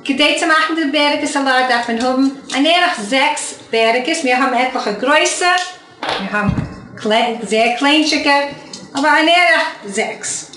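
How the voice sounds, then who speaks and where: A woman's voice: high voice, measured pace, sharp tone, roomy sound, a little hiss or hum, low-quality recording. A woman hosting a cooking show, explaining each step to viewers in a casual way, first outdoors on a farm and then in a wooden kitchen. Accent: Yiddish-speaking. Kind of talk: casual guided cooking chat.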